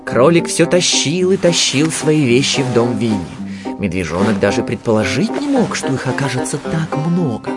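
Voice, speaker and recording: A man reading a children's storybook aloud in an expressive, lilting way. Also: medium pitch, normal speed, over loud music. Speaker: narrator.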